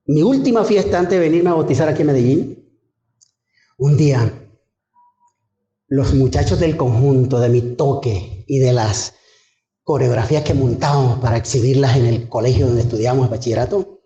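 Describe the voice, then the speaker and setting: A man's voice: medium pitch, normal speed, pauses often, warm tone, reverberant, muffled recording. A man, a pastor preaching a sermon and fervently telling his own testimony to the congregation. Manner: fervent storytelling, addresses the congregation as brothers.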